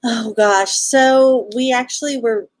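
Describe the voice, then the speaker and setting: Fairly high-pitched, steady in tone, and slow, this woman's voice carries a Californian Valley Girl accent from Los Angeles, United States. As a podcast guest, show co-founder, and event organizer, she chats casually during a live interview, bubbly and slangy like a sorority girl.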